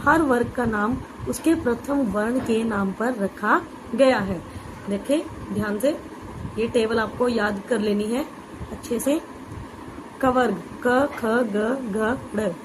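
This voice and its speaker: A woman teaching an exam-prep grammar lesson, explaining patiently, saying "okay" often and spelling out letters slowly. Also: fairly high pitch, noisy background.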